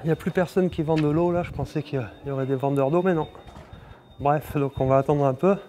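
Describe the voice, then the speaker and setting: A man's voice: fairly high pitch, brisk, dark tone, slight background noise. A man chatting casually to camera as a travel vlogger outdoors, tired and thirsty from walking in the heat.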